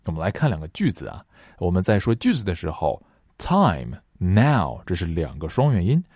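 A man teaching English pronunciation in a recorded lesson, saying each word slowly and repeating it twice between explanations. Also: low voice, huge pitch swings, darkish tone, breathy edge, dry recording, studio quality. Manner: switches between explaining and drilling words aloud.

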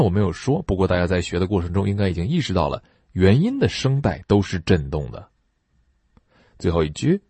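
A man leads an English pronunciation lesson with a low voice that swings widely in pitch. He stretches out model words and phrases slowly for listeners to repeat. The sound is dry and close, with no room echo. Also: dark tone, breathy edge. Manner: slow drawn-out model phrases between brisk explanations. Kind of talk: online English lesson with repeat-after-me drills.

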